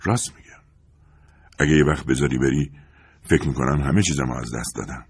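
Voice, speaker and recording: A man's voice: a bass voice, creaky, breathy edge, pitched below the performer's own voice, heavily acted. A man reading an audiobook, voicing a brusque, guarded young husband who speaks in short, clipped remarks. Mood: curt. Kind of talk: audiobook character voice.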